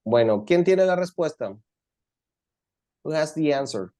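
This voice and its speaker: A man's voice: a little high, expressive, takes it slowly, mellow. A man teaching English comparatives in an online class, switching between languages and patiently repeating words for his students.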